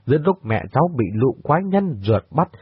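A man's voice: fairly high pitch, sing-song, fairly quick, husky, no room sound, exaggerated voice. A man voicing a wretched old male prisoner who confesses in a pained voice. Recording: dry, tinny phone-like sound.

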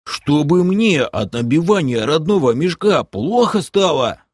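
A man voicing a loud, boisterous male half-orc adventurer who hoards loot, with gruff, blunt exclamations. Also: fairly high pitch, big pitch swings, measured pace, no echo, studio quality, pitched above the performer's own voice.

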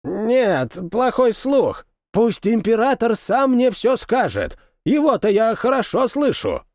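A man's voice: very high-pitched, big pitch swings, slow, a little mellow, no room sound, clean studio sound, voice pushed up, full character voice. A man voicing a sly elderly male general who feigns deafness and speaks in a mocking, defiant way, for an audiobook. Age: older. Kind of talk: audiobook character voice.

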